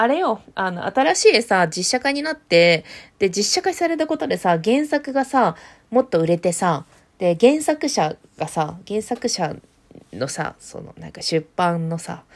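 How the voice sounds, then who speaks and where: A woman hosting a casual solo podcast, rambling about TV dramas with many fillers, thinking aloud. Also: medium pitch. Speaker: podcast host.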